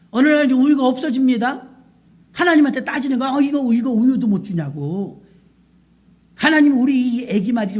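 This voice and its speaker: A woman's voice: a little high, dark tone. A woman pastor preaching at a night vigil service in a church, stressing words by repeating them and asking the congregation rhetorical questions. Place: church sanctuary.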